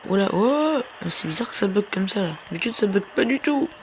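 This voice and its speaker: A woman's voice: mid-range voice, lively intonation, fast talker, slight background noise. A woman hosting a gaming video in casual commentary, chatty and rambling, often repeating herself. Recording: music playing behind the voice.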